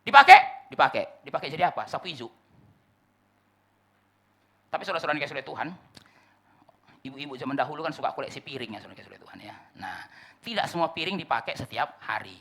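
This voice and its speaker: A man preaching a sermon as pastor, addressing the congregation again and again, acting out little dialogues and dropping suddenly to a hush. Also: medium pitch, animated, very fast, gravelly, pauses often, slightly rough. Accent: Indonesian, Manado area.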